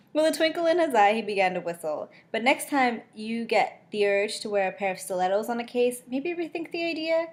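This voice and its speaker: An audiobook reader, a woman with an ordinary middle pitch, reads a novel aloud in a relaxed, chatty manner. Every so often she pauses to make brief comments on the text.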